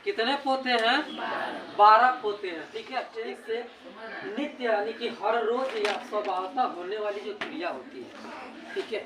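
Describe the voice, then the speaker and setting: A man's voice: sits high, a little slow. Bihari-accented guy teaching grammar, keeps quizzing then answering himself, far off mic in a noisy echoey room. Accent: Bihari Hindi. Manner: drilling, asks and answers own questions. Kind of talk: classroom grammar lesson. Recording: echoey room, distant mic, background noise.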